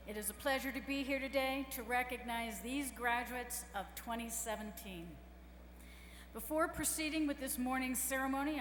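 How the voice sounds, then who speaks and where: Echoey podium speech by a higher-voiced woman. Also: a bit bright. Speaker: university administrator presenting graduates. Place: large hall over a PA system. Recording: echoey hall, humming background noise.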